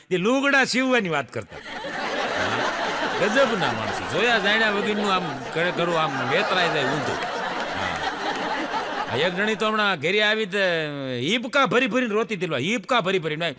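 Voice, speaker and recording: A man's voice: high voice, measured pace, pauses often, very noisy. A man doing stand-up comedy, telling jokes and acting out the dialogue in his stories. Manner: lively storytelling, acts out dialogue. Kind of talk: Gujarati stage joke-telling. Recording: live stage show in a hall.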